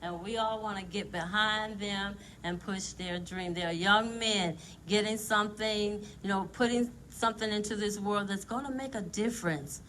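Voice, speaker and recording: A woman's voice: mid-range voice, moderate pace, few pauses, fairly bright tone, a little hiss or hum, rough recording. A woman hosting a talk show, chatting easily with her guests. Her grammar is folksy and informal, and her tone is casual.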